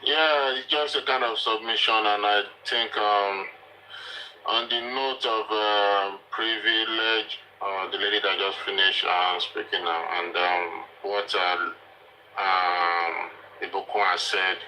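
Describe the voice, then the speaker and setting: Halting, low-voiced man, sharp tone. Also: steady tone, low-quality recording. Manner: hesitant, halting, deliberate. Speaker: panelist on a live online discussion. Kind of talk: measured informal commentary. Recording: faint background noise on live call.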